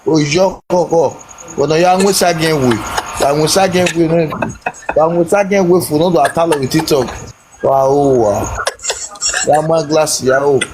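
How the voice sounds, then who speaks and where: A man's voice: a little high, moderate pace. Mocking Nigerian Pidgin man, vehicle noise. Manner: mocking, insulting, teasing. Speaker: live stream host. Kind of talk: livestream banter.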